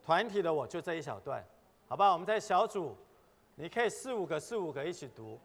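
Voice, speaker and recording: Man giving a sermon, kinda high voice that swings up and down a lot, reads passages then quizzes the room. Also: very animated, fast talker, creaky. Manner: reads quoted passages, then asks the group questions. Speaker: church teacher leading a training session. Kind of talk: sermon with reading aloud and call-and-response. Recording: long reverb of a large hall.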